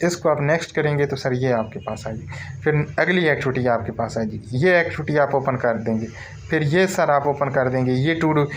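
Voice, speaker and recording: A man with a Pakistani Urdu accent gives a screen-recorded tutorial walkthrough as an online course tutor, repeating himself and calling his listeners sir. His mid-range voice moves at a moderate pace, with a little hiss or hum on the recording.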